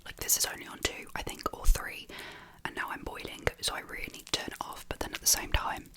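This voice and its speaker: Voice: a little fast, bright, forceful tone. Young ASMR creator, fully whispered, intimate and rambling, right on the mic. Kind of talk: whispered ASMR ramble, casual personal chat. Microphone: close mic.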